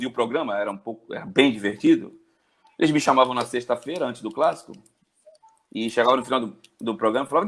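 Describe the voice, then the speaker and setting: Husky-voiced guy in his 40s from brazil, talks fast, tells stories with big jumps up and down in pitch. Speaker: sports journalist guest. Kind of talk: storytelling interview chat.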